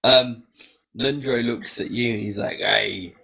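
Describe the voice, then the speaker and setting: A man narrating a tabletop game as game master, in a halting, conversational way. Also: medium pitch, steady tone, bright, forceful tone, a little hiss or hum.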